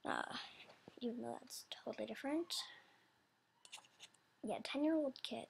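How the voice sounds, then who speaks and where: An animator describes characters for voice auditions in a casual, loosely scripted announcement, sounding hesitant, rambling and apologetic. Her creaky voice is a little high and a little slow, with slight background noise.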